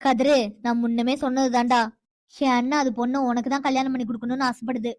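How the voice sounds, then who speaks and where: A woman's voice: high-pitched, flat delivery, fast, a little mellow, no echo, natural voice. A woman voicing a domineering, scheming mother who scolds and commands her grown son in a cartoon. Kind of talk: cartoon voice acting.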